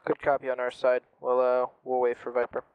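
A man making brisk radio calls in a military sim game, heard over a radio with bursts of static. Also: medium pitch, monotone. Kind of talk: radio procedure talk. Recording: muffled radio with faint static.

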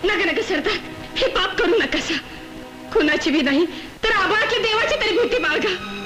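A woman's voice: very high voice, lively intonation, moderate pace. An actress playing a desperate mother who pleads with a bandit chief in an imploring voice. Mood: pleading. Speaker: film character. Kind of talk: 1980s film acting. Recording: echoey old film soundtrack with loud music.

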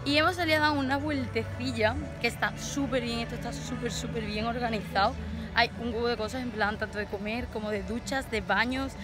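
A woman's voice: on the high side, fairly even intonation, brisk, over loud music. A young woman with an accent from Spain chatting casually and informally to camera in a vlog, using plenty of slang. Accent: Spanish from Spain. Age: young adult. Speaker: vlogger. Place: car and outdoor festival campsite. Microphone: phone or camera at arm's length.

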